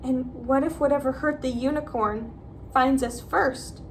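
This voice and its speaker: A woman's voice: high voice, steady tone, a little slow, a little hiss or hum, poor audio. A woman voicing a haughty, frightened, petulant schoolboy in a storybook. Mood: fearful. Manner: petulant, protesting.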